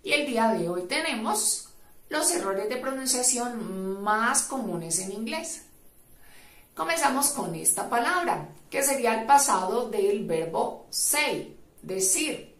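A woman English teacher giving a patient pronunciation lesson, repeating the model words loudly. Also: on the high side, animated, slow pace. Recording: echoey room.

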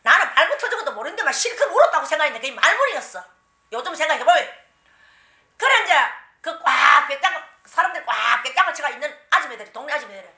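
A woman shaman with a Gyeongsang accent telling her own story, animated and often laughing, acting out the people she quotes. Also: high voice, fast talker. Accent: Gyeongsang Korean. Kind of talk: personal storytelling. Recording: echoey room.

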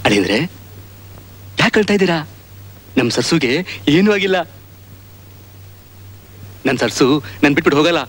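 An actor playing a devoted village brother, pleading and repeating himself in anguish. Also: male voice, very high voice, sharp tone, heavily acted. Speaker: elder brother.

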